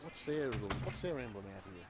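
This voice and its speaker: A man's voice: mid-range voice, sing-song. A man with an Australian accent trading jokes as co-commentator at a school football match outdoors. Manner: quick, joking banter. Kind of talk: casual sports commentary. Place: outdoor sports ground. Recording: noisy outdoor livestream.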